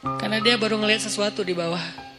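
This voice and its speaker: A male preacher, giving an animated, humorous storytelling sermon and acting out dialogue. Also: high-pitched, fast talker. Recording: long hall reverb with music.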